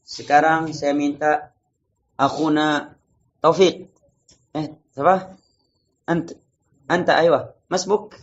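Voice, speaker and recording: A male teacher leading a class, reading phrases slowly and explaining them casually. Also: fairly high pitch, fairly even intonation, dull audio. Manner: drills phrases slowly, students repeat. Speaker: Arabic teacher. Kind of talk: classroom lesson.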